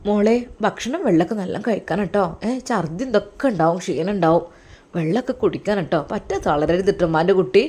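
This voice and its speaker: A woman's voice: lowish voice, fast, mellow, pitched below the performer's own voice, natural voice. A woman with a Malappuram accent voicing a fussy, pious older mother who dotes on her children and gives worried advice. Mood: fondly fussing. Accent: Malappuram Malayalam. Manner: doting, endearments, worried advice.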